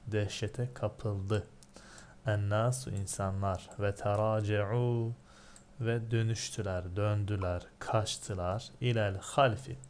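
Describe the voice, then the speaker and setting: A man with a Turkish accent teaching a religious text, reading it word by word and translating and explaining each word. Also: fairly low pitch. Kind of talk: line-by-line translation lesson.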